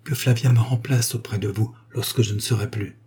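A man's voice: lowish voice, fairly even intonation, fairly quick, mellow, husky. A man voicing a frail, serene young girl on her deathbed, speaking in a faint, weakened voice that sometimes drops to a whisper, as in a read-aloud novel.

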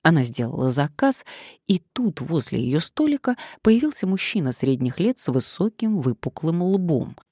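A woman narrating an audiobook in an expressive, lively reading. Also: low-pitched, moderate pace, husky, dry recording, clean studio sound.

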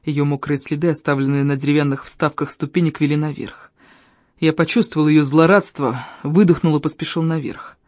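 A mid-pitched reader tells a first-person adventure story in a steady, quietly tense voice. The recording is dry with no room sound, and a bit dull and lo-fi. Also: brisk, no echo. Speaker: audiobook reader. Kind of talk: first-person novel narration.

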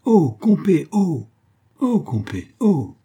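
A man doing a high-calling young boatman. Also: lively intonation, moderate pace, dark tone, husky. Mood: hailing. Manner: calls out in high broken Creole.

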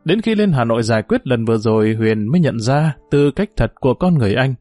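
Guy reading a novel aloud, steady, lively pitch, dry close sound. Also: quick pace, dry recording, soft background music. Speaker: narrator. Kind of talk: storytelling narration.

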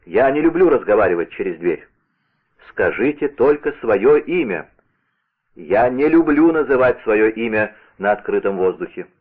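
A man's voice: fairly low pitch, lively intonation, normal speed, slightly rough, phone-quality sound. A man reading the lines of a bold, impatient Gascon musketeer in a brusque, self-assured way.

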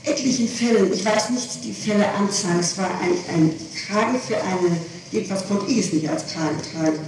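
On an old tape recording, a woman with a mid-range voice is being questioned by police. She sounds distant from the microphone in a very echoey room, with noticeable noise over her speech. Her answers come haltingly as she corrects herself and insists on details.

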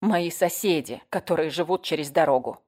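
A woman's voice: sits low, normal speed, a little mellow. Whiny panicked woman, as a reader puts her on. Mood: scared. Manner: whining, anxious, breathless. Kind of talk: audiobook reading.

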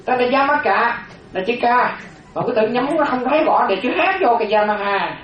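A Buddhist monastic teaching a dharma class, slowly repeating terms for note-taking, with chatty asides. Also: mid-range voice, lively intonation. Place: classroom with a board. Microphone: distant room microphone. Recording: roomy, distant, dull lo-fi room recording.

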